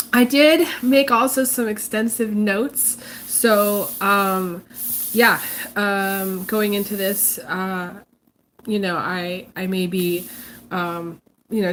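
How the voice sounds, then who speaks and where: A psychic reader hosting her channel's casual live stream speaks in a mid-range, slightly bright voice, congested as she recovers from illness. Hesitation marks her talk, with lots of ums and fresh starts, and a little hiss or hum can be heard.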